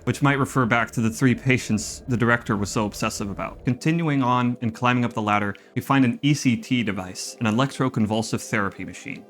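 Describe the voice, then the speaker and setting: A man recording in an attic, giving a scripted video game commentary with informal, slangy asides. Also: mid-range voice. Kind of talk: scripted video essay narration with casual asides. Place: attic room at home. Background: background music.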